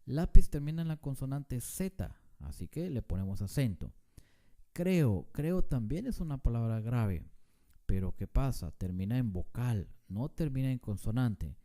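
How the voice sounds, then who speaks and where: A man teaching a grammar lesson, speaking slowly and deliberately and stressing syllables to demonstrate them. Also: medium pitch, sing-song, warm tone.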